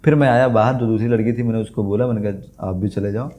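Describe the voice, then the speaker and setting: A fast-talking man with a lowish voice appears as a podcast guest, animatedly relating a funny story in casual chat. He performs the lines he quotes and laughs frequently.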